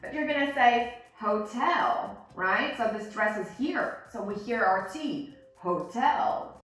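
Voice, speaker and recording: A woman's voice: on the high side, expressive, normal speed, fairly bright tone. A woman teaching pronunciation as an instructor, demonstrating words and sounds and often checking that the learner follows. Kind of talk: instructional lesson on American English sounds. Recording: very roomy echo, distant mic, faint music.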